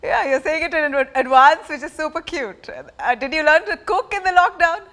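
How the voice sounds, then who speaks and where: A woman's voice: high-pitched, normal speed, a bit bright. A woman with an Indian accent asking questions as the interviewer in a casual celebrity chat.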